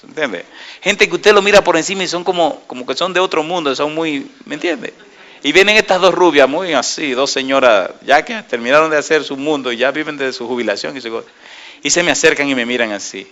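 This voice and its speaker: Male preacher, bright forceful voice, middle-aged, lively sermon full of told stories and crowd questions. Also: fairly high pitch, brisk. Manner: lively preacher, asks the audience yes-or-no questions, acts out dialogue. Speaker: pastor. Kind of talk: sermon with anecdotes.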